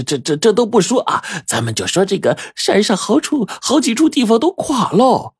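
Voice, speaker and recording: A man's voice: sits high, husky, no room sound, studio quality, pitched above the performer's own voice, full character voice. A man putting on a gabby village landlady. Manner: gabby, exclaiming, full of fillers. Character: chatty gossiping middle-aged village landlady. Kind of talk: audiobook character voice.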